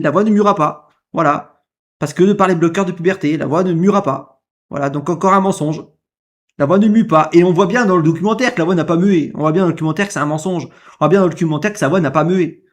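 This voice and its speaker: Guy ranting at a clip, keeps repeating himself, asks "ah bon?" type questions, slightly high voice. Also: fast talker. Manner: indignant, repeats himself, fires rhetorical questions. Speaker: video reactor commenting on a clip. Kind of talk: casual commentary.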